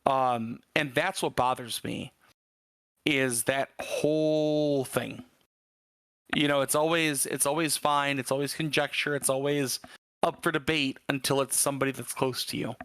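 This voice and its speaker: A man's voice: mid-range voice, fairly even intonation, a little slow, fairly bright tone, clear, resonant tone, no room sound. A man from Michigan, a podcast guest, telling a story in a rambling way with lots of fillers and casual swearing. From Michigan, USA.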